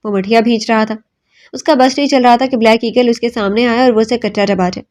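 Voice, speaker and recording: A woman narrating a novel aloud in a steady, dramatic storytelling manner. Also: a little high. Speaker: audiobook narrator.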